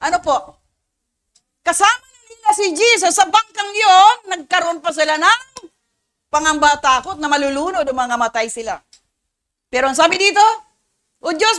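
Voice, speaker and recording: A woman's voice: very high voice, a bit bright. A Filipina woman in her sixties, a pastor preaching a sermon to her congregation, often asking them questions. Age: 60s. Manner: preaches in Tagalog and English, asks the congregation questions.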